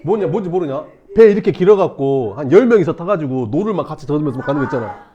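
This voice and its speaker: A male teacher telling a class a story, acting out shouts and screams and laughing as he goes. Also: fairly high pitch, lively intonation, quick pace, highs cut off, slight background noise. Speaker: math teacher.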